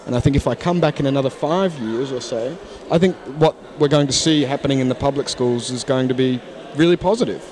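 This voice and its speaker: A crowd murmurs behind a man who talks briskly, with few pauses, at a medium pitch. He's an English teacher guesting in a casual interview in an indoor conference hall lounge, using a handheld mic and speaking frankly and thoughtfully with many restarts.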